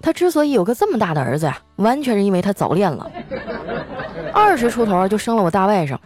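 A playful young woman tells comic stories from her own life, laughing often as she goes. Her pitch is very lively, and faint music plays underneath. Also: fast, crowd noise. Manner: playful, giggly. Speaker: podcast host. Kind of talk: comic storytelling.

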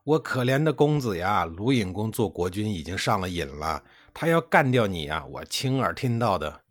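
Man doing a scheming nobleman, sly, wheedling, menacing, husky, animated. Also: on the low side, normal speed, no room sound, studio quality. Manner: wheedling, then hissing threats.

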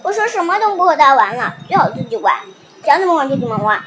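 A woman voicing a cross little girl bear cub who shouts indignantly in a storybook reading. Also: high-pitched, fast, reverberant, background noise, pitched below the performer's own voice, natural voice. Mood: sulky.

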